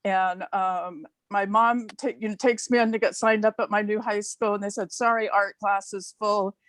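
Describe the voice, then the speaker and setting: A woman's voice: medium pitch, fairly even intonation, normal speed, no room sound. Heartfelt woman in her 60s, dry sound. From Ohio, USA. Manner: heartfelt, chatty, laughs between phrases. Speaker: new club member. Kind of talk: personal storytelling on a video call.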